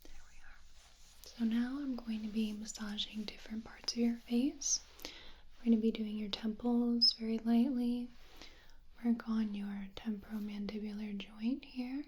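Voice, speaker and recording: A woman doing a whispered role-play as a medical examiner, with a soft, soothing, breathy, hushed delivery. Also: a little high, flat delivery, a little slow. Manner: soft, soothing spa-like whisper with personal attention. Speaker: ASMR performer playing a medical examiner.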